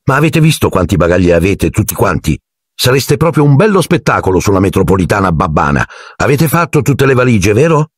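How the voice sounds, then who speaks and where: A man voicing a bossy, proud witch mother with a brisk, scolding manner in an audiobook. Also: lowish voice, very animated, husky, no room sound, studio quality, voice pushed up.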